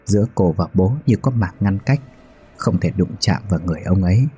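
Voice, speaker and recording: Husky low-voiced male storyteller. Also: expressive, a little fast, warm tone. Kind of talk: scripted narration of a ghost story.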